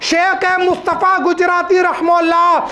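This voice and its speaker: High, bright-voiced man preaching emphatically. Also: completely flat delivery, unhurried. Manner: emphatic, repeats phrases, asks rhetorical questions. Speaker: religious speaker. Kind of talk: religious lecture.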